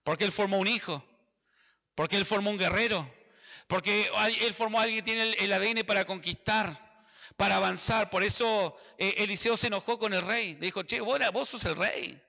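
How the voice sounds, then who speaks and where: A man's voice: high voice, fairly even intonation, brisk, vocal fry, pushed and bright, long reverb tail, lo-fi sound. A man with an Argentine accent preaching a sermon, emphatic and repetitive, speaking straight to his listeners. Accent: Argentine Spanish. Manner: emphatic, repeats phrases, addresses listeners directly.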